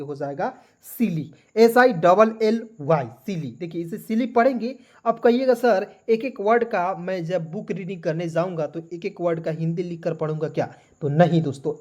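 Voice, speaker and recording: A male English teacher runs a beginners' lesson, spelling words letter by letter and repeatedly checking understanding with phrases like "clear?" and "okay ji". His voice sits high and is slightly mellow.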